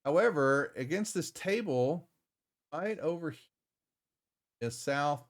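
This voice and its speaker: Halting male tabletop game master. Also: fairly high pitch, lively intonation. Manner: halting, piecemeal delivery. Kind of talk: improvised tabletop game narration with casual chat. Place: online group video call.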